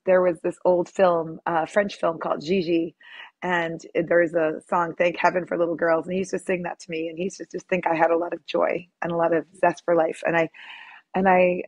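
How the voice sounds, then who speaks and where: A middle-aged yoga teacher, born in Lebanon and raised near Boston, appears as a guest in a casual interview. Her voice is lowish and breathy, with no echo. She's warm and chatty, laughing often and saying lots of ums.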